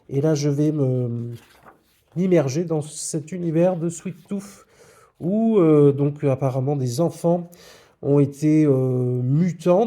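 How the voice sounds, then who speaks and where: This comics vlogger presents his newest comic book hauls in a relaxed video, his speech hesitant and peppered with fillers. He has a mellow voice that sits a little high.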